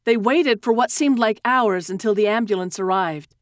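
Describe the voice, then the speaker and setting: A woman narrating a story in a steady, expressive reading that slows at tense moments. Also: mid-range voice, no echo, studio quality.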